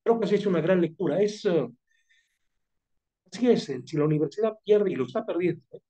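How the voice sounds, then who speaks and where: An older man with a Mexican Spanish accent leads a university seminar, his voice sitting a little high for a man. He talks in a reflective, wandering way, restarting phrases as he builds his point. A cold keeps catching in his throat with coughs. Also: expressive, mellow. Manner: thoughtful, digressive, pausing and restarting phrases. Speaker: seminar leader.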